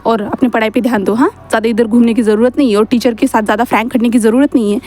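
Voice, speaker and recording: A woman's voice: a little high, fairly even intonation, very fast, darkish tone, natural voice. A woman voicing a stern, bossy older brother who scolds and gives orders. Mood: scolding. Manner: scolding, commanding.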